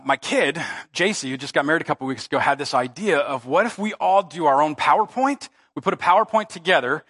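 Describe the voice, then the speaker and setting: A man's voice: on the high side, sharp tone. A middle-aged man preaching a sermon as pastor, in an emphatic, conversational way, in a church. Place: church sanctuary.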